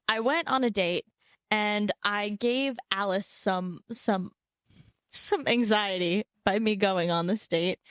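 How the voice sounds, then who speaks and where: A woman's voice: mid-range voice, smooth, no echo, clean studio sound. A woman in her twenties co-hosting a podcast, telling stories in casual chat and laughing often. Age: 20s. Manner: animated storyteller, laughs often. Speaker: podcast co-host.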